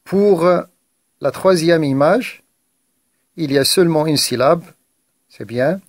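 A man gives a children's French reading lesson at a very slow, deliberate pace. He repeats words syllable by syllable, praises often, and his slightly high voice sounds dry and close. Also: no room sound. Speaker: teacher.

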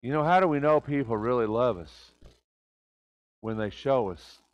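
A man's voice: medium pitch, lively intonation, normal speed, muffled recording. An older man preaching a conversational sermon in a church sanctuary, asking the congregation rhetorical questions.

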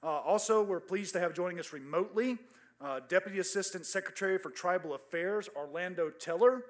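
A man acting as conference emcee, introducing a panel in a halting, chatty way with many fillers. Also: high voice. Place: conference hall stage.

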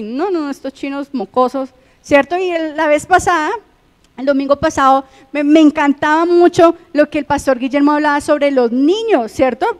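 Colombian woman pastor, high voice, impassioned sermon, loud-to-hushed swings. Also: big-room sound. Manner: impassioned, swinging between loud emphatic phrases and hushed ones.

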